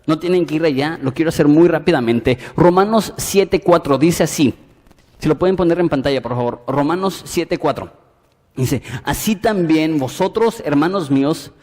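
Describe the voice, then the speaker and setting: A man's voice: a little high, long reverb tail. A man preaching a Bible study sermon, acting out dialogue and reading scripture aloud. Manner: animated, acts out dialogue and reads scripture aloud. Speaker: pastor.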